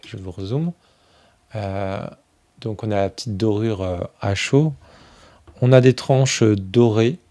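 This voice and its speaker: A man chatting casually through a review of a tarot deck, filling pauses with "euh" and thinking aloud as he goes. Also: fairly low pitch, warm tone, dry recording. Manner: chatty, many fillers, thinks aloud while flipping cards.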